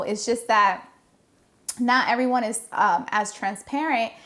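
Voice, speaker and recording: A woman, openly and earnestly telling her life story as a podcast guest. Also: medium pitch. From Providence, Rhode Island. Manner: open, earnest, reflective. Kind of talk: casual personal storytelling.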